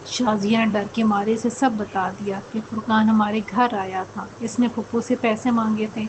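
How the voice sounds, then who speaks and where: A woman's voice: fairly high pitch, flat delivery, noisy background, close to an everyday voice. A woman voicing a frightened, guilty young wife in a read-aloud story. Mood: fearful.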